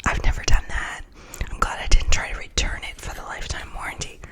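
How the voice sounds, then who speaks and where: A woman whispering an ASMR unboxing and chat in a soft, breathy, soothing voice, repeating words and phrases. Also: a little fast. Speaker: ASMR creator and host.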